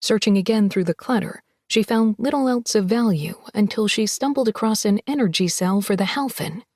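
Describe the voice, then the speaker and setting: A woman reading a science-fiction story aloud in steady, measured scripted narration. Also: medium pitch, no room sound, studio quality. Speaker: audiobook narrator.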